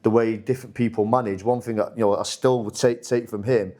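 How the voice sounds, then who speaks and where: A man, a football manager talking casually in a podcast interview, rambling with many restarts and lively when he quotes others. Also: lowish voice, a little fast.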